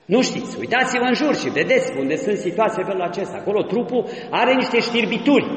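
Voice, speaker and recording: A man's voice: sits high, expressive. A man preaching a sermon as a priest, emphatic and teaching, asking his listeners rhetorical questions. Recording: echoey hall with long reverb.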